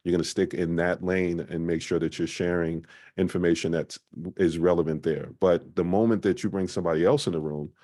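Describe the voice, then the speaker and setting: A man presenting a small-business marketing workshop in a conversational way, often pausing on "uh". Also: low voice, steady tone, dark tone. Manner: conversational, frequent "uh" fillers.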